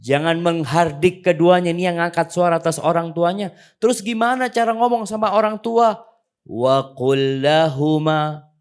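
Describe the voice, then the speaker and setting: Middle-aged man, animated preacher, quizzes the crowd, recites Arabic. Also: high-pitched. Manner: animated, questions the audience, recites Arabic verses. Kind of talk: lively Islamic lecture.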